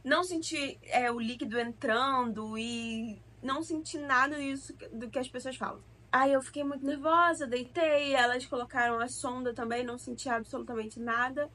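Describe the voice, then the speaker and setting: Bright high-voiced young woman vlogger. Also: fairly even intonation, normal speed. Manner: chatty, emotional, addresses viewers as "gente". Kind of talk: personal storytelling to camera.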